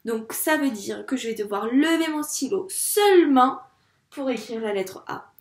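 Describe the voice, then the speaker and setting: A woman's voice: on the high side, animated, unhurried. A woman teaching a lesson for young children, patient and encouraging, spelling out each step. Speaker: primary school teacher. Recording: echoey room.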